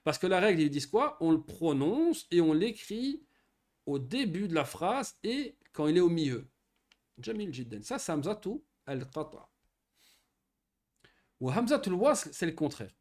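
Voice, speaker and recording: A man teaching children Arabic grammar in a lively, animated voice that rides fairly high for a man. He explains patiently and keeps stopping to ask whether they have understood. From Morocco. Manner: patient, lively explanations with frequent checking questions.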